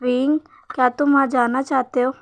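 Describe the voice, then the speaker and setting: A woman voicing a possessive, quiet young husband who apologizes in short, clipped lines. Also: high voice, level tone, moderate pace. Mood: reserved.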